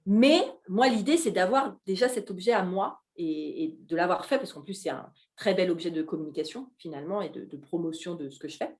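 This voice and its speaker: Middle-aged woman, Alsace-born chef guest; lively, halting café-talk delivery. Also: on the low side. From Alsace, France. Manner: animated, hesitant with many fillers. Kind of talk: casual talk at a live café event.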